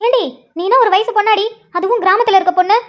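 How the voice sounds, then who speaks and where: Woman doing a shrill nagging village mom, cartoon. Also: fairly even intonation, fast talker. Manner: nagging, preachy. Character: scolding village mother of a grown daughter.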